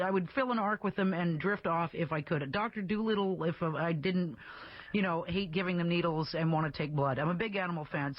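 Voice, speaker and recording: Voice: medium pitch, dry recording, muffled recording. A talk radio host speaking in a chatty, joking way while interviewing phone guests. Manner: jokey, chatty. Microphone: studio mic.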